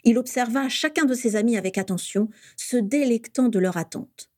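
Woman reading a story aloud, mellow warm tone, steady storytelling, dry close recording. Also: fairly high pitch, moderate pace, no room sound. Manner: steady storytelling with voiced characters. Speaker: reader.

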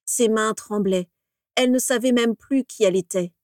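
A woman narrating a dramatic story in a measured, steady reading voice. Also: on the high side, dry recording, clean studio sound.

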